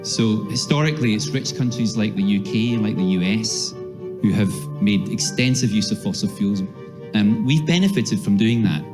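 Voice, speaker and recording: A man calmly explaining a point step by step as an expert commentator. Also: on the low side. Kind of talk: explanatory talk.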